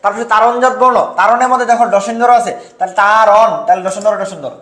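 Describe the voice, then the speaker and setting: A man's voice: high-pitched, steady tone, fast, a bit bright, roomy sound. A man tutoring students for a university entrance exam, drilling answers over and over and quizzing them. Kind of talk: online exam-prep lesson.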